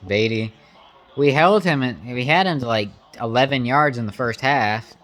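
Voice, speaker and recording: A man giving casual, opinionated live reactions to a sports game, slangy and informal, swinging between excitement and grumbling. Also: mid-range voice, normal speed.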